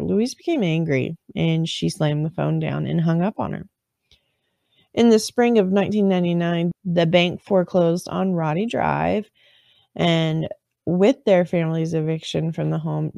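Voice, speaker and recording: A woman's voice: fairly low pitch, creaky, warm tone, no echo, clean studio sound. A woman narrating a true crime story in a conversational way, with wry asides and frequent self-corrections.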